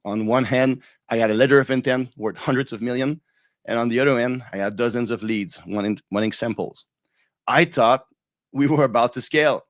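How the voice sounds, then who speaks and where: A man's voice: mid-range voice, brisk, no echo. A man with a French Canadian accent giving a live online talk, his voice a little shaky from a cold, telling a story earnestly with fillers and restarts. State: recovering from a cold, voice a bit shaky. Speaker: guest speaker.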